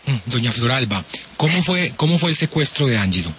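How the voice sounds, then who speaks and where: A man gently asking questions in an interview. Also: mid-range voice, big pitch swings, a little fast, noisy background.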